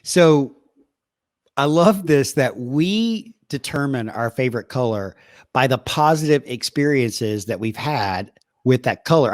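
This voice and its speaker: A man's voice: mid-range voice, no room sound, clean studio sound. A man with a Southern US accent hosting a podcast interview, asking curious, enthusiastic questions in a casual chat. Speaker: podcast host.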